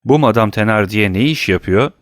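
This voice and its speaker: A man voicing a serious, kind stranger in an audiobook, speaking in a low, measured tone. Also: no room sound, clean studio sound, close to an everyday voice. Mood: grave. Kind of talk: audiobook character reading.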